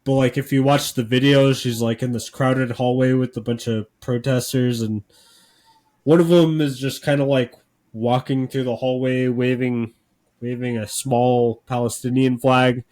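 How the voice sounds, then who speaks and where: A man co-hosting a podcast, talking casually with deadpan sarcasm and lots of filler words. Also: mid-range voice, normal speed. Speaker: podcast co-host.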